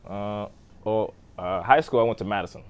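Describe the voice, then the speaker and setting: A man's voice: fairly low pitch, moderate pace, clean tone. A man in his thirties, a guest on an interview podcast, talking casually about growing up, with many fillers and a voice that trails off. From born in Texas, raised in Boston. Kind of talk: interview storytelling.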